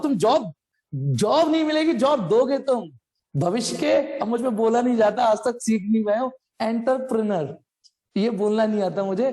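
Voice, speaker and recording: A man's voice: high-pitched, mellow. A man teaching a physics class live, explaining problems in a jokey, chatty way and calling his students "beta". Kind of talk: live online class lecture. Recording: long reverb.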